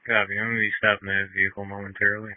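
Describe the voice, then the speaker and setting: A police officer, a man, giving clipped, flat calls over a two-way radio. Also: lowish voice, racing, no room sound. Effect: heard over a two-way radio. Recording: narrow tinny radio transmission.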